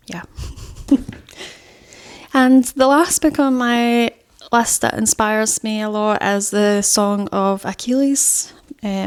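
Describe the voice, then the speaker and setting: A woman's voice: mid-range voice, smooth. A young woman chatting casually about favourite books, rambling with many fillers and restarts. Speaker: book vlogger. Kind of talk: casual book talk to camera.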